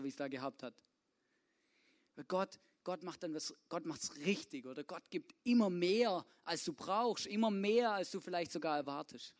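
Casual preacher, high voice. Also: male voice. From Swabia, Germany. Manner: casual, informal, keeps asking "oder?". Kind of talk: youth sermon.

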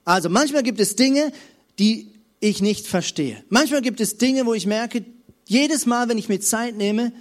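A man preaching a sermon, emphatic, moving between loud passion and quiet, intimate moments. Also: extremely high pitch, a little slow.

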